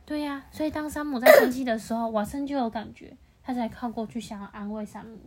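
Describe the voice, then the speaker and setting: Fairly high-voiced woman reading to a child. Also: steady tone, quick pace, a little mellow. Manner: patient, explains and asks the child questions. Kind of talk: reading a picture book aloud to a child.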